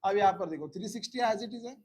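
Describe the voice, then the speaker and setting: A man's voice: high voice, fast, a little mellow, slightly rough. A man teaching a physics class who keeps repeating questions to his students and coaxing them along.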